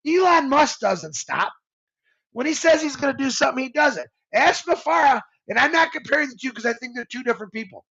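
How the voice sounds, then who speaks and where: An earnest man in his fifties speaks with a bright, gravelly voice that sits high for a man. He rambles with feeling, often stopping and restarting his sentences. The sound is slightly dull and lo-fi, like a livestream. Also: lively intonation, fairly quick. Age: 50s. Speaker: show co-host. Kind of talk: live motivational talk.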